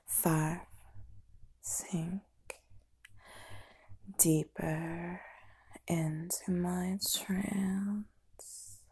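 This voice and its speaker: A woman doing a whispered ASMR hypnosis, speaking in a slow, soft, unvoiced whisper as she counts down. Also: on the low side, level tone, husky. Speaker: ASMR performer.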